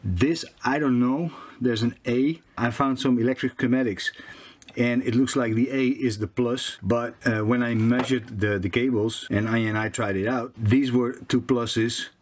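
A man in his fifties with a Dutch accent casually explains DIY repairs in halting non-native English, searching for words as if translating in his head. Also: medium pitch, steady tone. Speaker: sailing vlogger. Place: small boat cabin interior.

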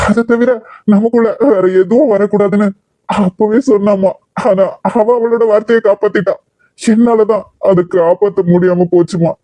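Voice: mid-range voice, mellow, no room sound, close to an everyday voice. A performer voicing a heartbroken young man in a cartoon, who speaks hesitantly and stumbles over his words. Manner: hesitant, stammering, mournful. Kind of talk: cartoon voice acting.

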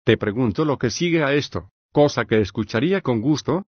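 A man, reading flatly and evenly, voicing an agreeable, modest young male disciple in an audiobook dialogue. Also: mid-range voice, brisk, breathy edge, no room sound, highs cut off. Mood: conversing.

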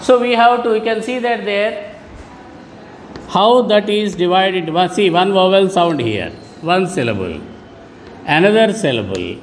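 A man's voice: high voice, unhurried, long reverb tail, slight background noise. A man teaching an online lesson to schoolchildren, patiently repeating and rephrasing words. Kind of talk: online classroom lesson for children.

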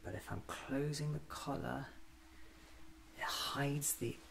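A man in his thirties playing a whimsical, eccentric time-traveling doctor musing aloud in soft-spoken, deliberate ASMR roleplay. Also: medium pitch, animated, gravelly, slight background noise, heavily acted, rough recording. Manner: deliberate, musing, often near whisper.

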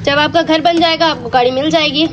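High-voiced chatty woman vlogging at home. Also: steady tone, fairly quick, dull audio, heavy background noise. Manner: chatty, explaining things step by step to viewers. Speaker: vlogger and mother. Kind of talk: casual home vlog chat.

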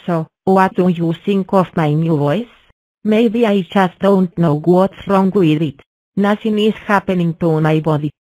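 Casting: woman as worried cartoon block creature, lowish dry voice, stilted exclamations. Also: measured pace, darkish tone, dry recording, lightly acted, poor audio. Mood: alarmed, worried. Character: anxious female number-block creature inflating like a balloon. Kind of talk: fan animation character monologue.

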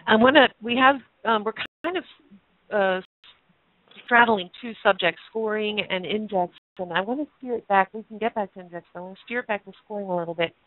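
A woman's voice: medium pitch, dry recording. Stammering woman moderating over a phone line. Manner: halting, with stammers and fillers. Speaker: webinar moderator. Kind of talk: moderating a webinar.

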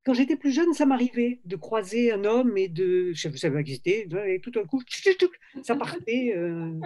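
Brief: older woman, French publisher, warm mellow voice, animated storyteller full of restarts. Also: mid-range voice, normal speed. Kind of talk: storytelling interview.

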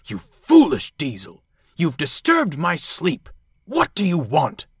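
A man's voice: fairly low pitch, expressive, a little slow, dry recording, clean studio sound. Dudley, a man voicing a pompous steam engine. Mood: indignant. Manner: haughty, posh and snappish.

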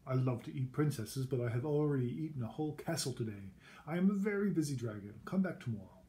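A man voicing a boastful, busy male dragon in a read-aloud picture book, speaking loud and proud. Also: mid-range voice, animated, fast, lightly acted.

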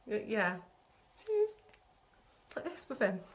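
This woman is a psychic medium doing an excitable, talkative spirit reading live, addressing viewers as sweetie. She speaks unhurriedly, with a medium-pitched voice.

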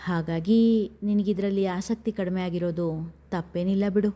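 A woman's voice: lowish voice, steady tone, moderate pace, dark tone, close to an everyday voice. A woman voicing a scheming, menacing older brother who speaks in a heavy, brooding way.

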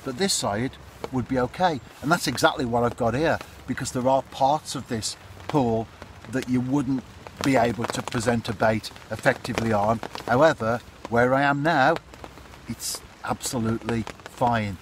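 A man's voice: mid-range voice, moderate pace. A man in his fifties gives casual to-camera fishing advice from under an umbrella, chatty and repetitive, often asking "isn't it?". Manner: chatty, repeats points, asks "isn't it?". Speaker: fishing vlogger. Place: outdoors under a fishing umbrella by a pool in a storm. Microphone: phone or camera close up. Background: storm wind and rain.

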